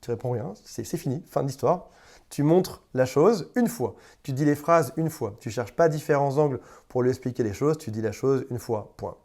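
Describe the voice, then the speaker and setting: A man's voice: mid-range voice, normal speed, dark tone. Man coaching viewers in casual talk. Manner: conversational, repeats words, briefly acts out quoted exchanges; addresses the viewer directly and informally. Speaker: relationship coach. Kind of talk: direct-to-camera coaching advice.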